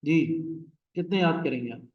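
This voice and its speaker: A male teacher delivers a classroom lecture, counting out syllables and stresses as he explains, in a voice somewhat high for a man. He speaks at a moderate pace and is recorded from a distance in an echoey room, so the sound is muffled.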